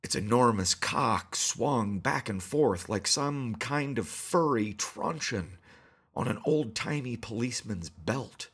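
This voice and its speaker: A man narrating a horror story in a measured, deadpan way. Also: medium pitch, husky.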